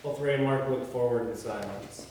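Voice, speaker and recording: Heard distantly in an echoing hall with faint noise, a man with a mid-range voice narrates a read-through at normal speed. He reads out the screenplay's scene headings and stage directions.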